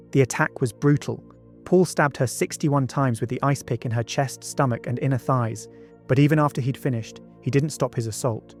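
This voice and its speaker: A man with a medium-pitched, somewhat mellow voice reads a scripted true-crime documentary narration, dropping in conversational asides. Background music runs under his voice.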